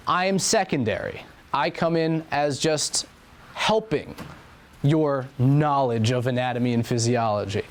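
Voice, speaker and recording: A young man teaching an anatomy and physiology lab review in a classroom, talking casually and repeating key points. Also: a little high.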